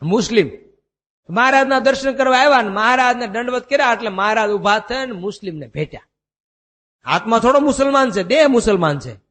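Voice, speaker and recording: A man preaching a devotional sermon, chanting verses slowly and telling stories in a folksy way. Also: very high-pitched, expressive, fairly bright tone. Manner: chants verses slowly, then explains in a folksy storytelling manner. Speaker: swami preacher. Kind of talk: Gujarati devotional sermon with storytelling. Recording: long hall reverb.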